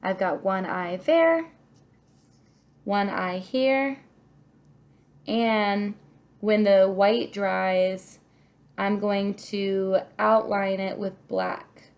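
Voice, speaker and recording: Drawing out her words and leaving long pauses, this kindergarten teacher talks young children through a craft, thinking aloud and encouraging them. She asks the listener questions as she goes. Her voice is medium in pitch and creaky, with fairly even intonation.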